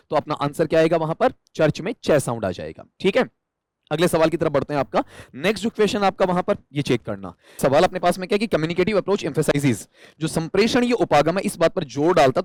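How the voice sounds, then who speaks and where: A man's voice: a little high, darkish tone, dry recording. A man teaching an exam-prep English lesson, explaining step by step and asking and answering his own questions. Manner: calls students "beta".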